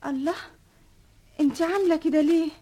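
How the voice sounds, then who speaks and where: A woman's voice: very high-pitched, a little fast. An actress with an Egyptian Arabic accent playing a maid who teases and worries over her mistress. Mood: fussing. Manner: animated, teasing, concerned. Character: lively maid fussing over her lady.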